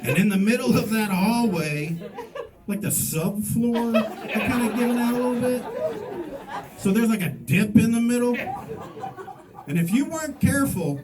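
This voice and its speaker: A man's voice: very high voice, moderate pace, long pauses, a crowd in the background. A middle-aged man doing stand-up, telling a rambling anecdotal story with self-mocking asides to a live audience. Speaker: stand-up comedian. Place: comedy stage before a live audience. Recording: voice somewhat distant from the mic with faint room ambience.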